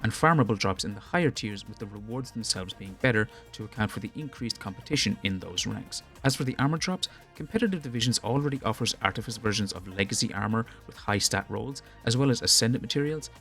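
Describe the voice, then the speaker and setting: Low-voiced man explaining game design. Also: lively intonation, a bit bright, soft background music. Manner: measured, explanatory. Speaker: gaming video essayist. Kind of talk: scripted commentary.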